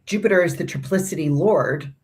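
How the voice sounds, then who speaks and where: A woman's voice: on the low side, brisk, darkish tone. A woman co-hosting an astrology talk show, chatting casually and rambling with asides. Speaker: astrology podcast co-host. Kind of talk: casual conversational astrology discussion.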